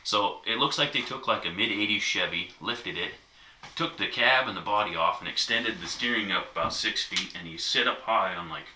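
A man's voice: on the low side, moderate pace, sharp tone. A man in casual chat, telling a long, easygoing story with many asides. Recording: echoey room, mic at a distance, faint noise.

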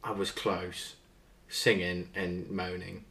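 A man's voice: low-pitched, level tone, slow pace, gravelly, sharp tone, echoey room. A man in a casual chat, good-humoured and self-mocking as he guesses words. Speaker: vlogger being quizzed.

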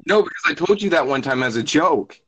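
A man's voice: a little high, expressive, brisk, fairly bright tone, husky, no room sound, low-quality recording. A young man chatting casually on a friends' call podcast, teasing and crude, often talking over the others. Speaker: podcast co-host. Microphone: home mic on a call.

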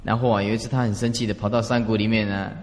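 A man's voice: on the low side, level tone, racing. A man giving an earnest Buddhist dharma talk as a teacher, exhorting his listeners and asking rhetorical questions. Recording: long reverb of a large hall.

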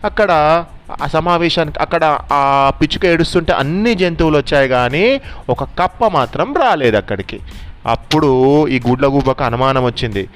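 A man's voice: fairly high pitch, animated, normal speed, faint music behind. A man telling a bedtime story to a child, explaining things patiently as he goes.

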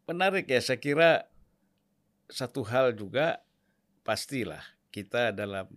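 A man hosting a casual interview, who speaks slowly and deliberately, with many hesitations. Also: mid-range voice, animated, a bit bright, no room sound, studio quality. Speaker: host.

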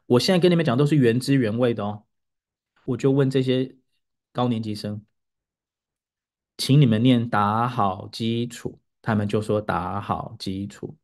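Man, podcast host, English teacher, excited storytelling, sounds out words, voice climbs higher when thrilled. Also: moderate pace. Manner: animated storytelling, pitch rising as he gets excited; demonstrates English word intonation aloud. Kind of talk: casual podcast monologue.

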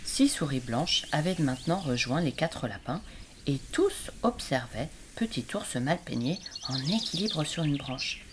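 A woman reading a children's story aloud, gentle and expressive, with birds singing behind her. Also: low voice, unhurried, noisy background. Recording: birdsong in background.

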